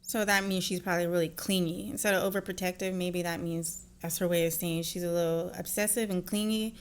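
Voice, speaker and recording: A woman's voice: lowish voice, fairly even intonation, brisk, slight background noise. A woman hosting a reaction video, giving blunt, opinionated commentary that often turns into a lecture. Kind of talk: casual commentary.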